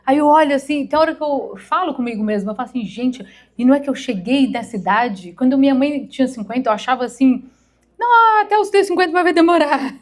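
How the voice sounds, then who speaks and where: Her voice sits high, a little mellow, and moves at a quick pace. She's a Mineiro therapist in her fifties from Minas Gerais who preaches an informal sermon to a congregation, chatty and emotional, telling little stories and acting out the quotes.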